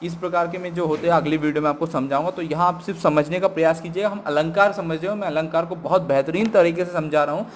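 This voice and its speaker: A man teaches a grammar lesson in a voice that sits a little high. He explains each point step by step and keeps putting questions to his listeners. He slows right down to read the example verses. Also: fairly even intonation, a little hiss or hum. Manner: explains step by step and asks the class rhetorical questions; reads example verses slowly and deliberately.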